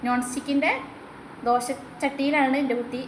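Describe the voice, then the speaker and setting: A young woman with a high, lilting voice talks to her small child in a relaxed home vlog. She keeps asking playful, coaxing questions in a sing-song way. The recording is roomy, with clear noise in the background. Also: a little fast. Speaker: mother and vlogger. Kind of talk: casual home vlog, chatting with her toddler.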